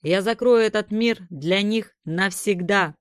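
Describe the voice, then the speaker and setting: A woman's voice: mid-range voice, a little slow, dry recording, clean studio sound, voice pushed up, close to an everyday voice. A woman voicing Ethan, a reckless and determined young male hero, with a raised voice, in an audiobook.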